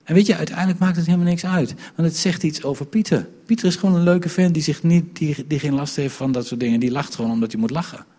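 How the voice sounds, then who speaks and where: A man preaching a lively sermon in a church, joking with the congregation and moving between loud and soft delivery. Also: on the high side, fast, few pauses. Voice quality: very husky.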